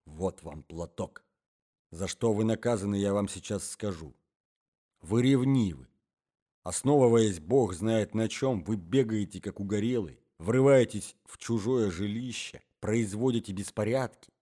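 A man's voice: lowish voice, a little slow, voice pushed up. Man as a stern, mocking young man. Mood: lecturing. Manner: curt, scolding, hushed.

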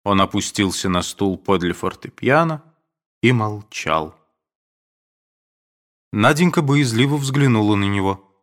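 A man reading classic prose aloud as an audiobook narrator, in a measured, expressive storytelling manner. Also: lowish voice.

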